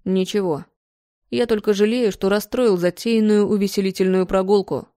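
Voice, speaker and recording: A woman's voice: medium pitch, steady tone, moderate pace, mellow, no echo, studio quality, lightly acted. A woman reading aloud voices a male painter who answers curtly and with restrained irritation. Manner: curt and brusque. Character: male painter, curt, irritated, then tender.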